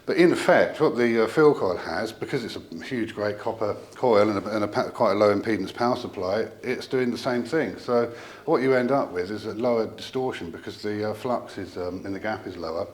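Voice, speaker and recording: Speaking in a fairly low pitch, a man representing a company explains a technical product informally, hesitating and halting with asides that trail off.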